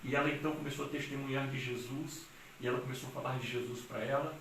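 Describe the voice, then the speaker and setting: A man preaching a sermon. He tells a story earnestly and slows down on the key phrases. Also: medium pitch, steady tone, a bit bright. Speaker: pastor. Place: church hall. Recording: very echoey hall, distant mic, faint hiss.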